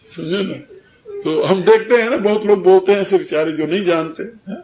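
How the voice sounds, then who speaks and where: A man teaching Sanskrit pronunciation in a devotional discourse, speaking slowly and repeating words for his listeners. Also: sits high, a little mellow. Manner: slow, didactic, repeats and drills words, chuckles. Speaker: spiritual teacher.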